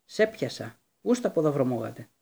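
A man's voice: medium pitch, very animated, vocal fry, mellow, husky, exaggerated voice. A man reading aloud voices a jittery, blunt teenage boy who snaps out his lines in fear. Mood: frantic. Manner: jittery, snapping.

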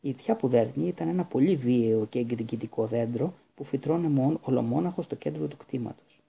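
A man narrating an audiobook in a calm, measured way. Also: medium pitch, creaky, slightly rough. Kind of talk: scripted narration.

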